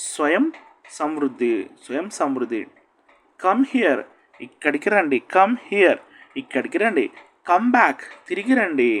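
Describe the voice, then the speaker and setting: Very slow, lively-pitched male language teacher. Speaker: spoken English teacher. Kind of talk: slow, deliberate English-Telugu phrase drills.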